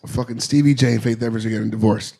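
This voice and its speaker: A man co-hosting a podcast, sarcastic and animated, often laughing as he talks. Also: mid-range voice, fast, gravelly, background noise. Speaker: podcast co-host. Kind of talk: casual podcast banter.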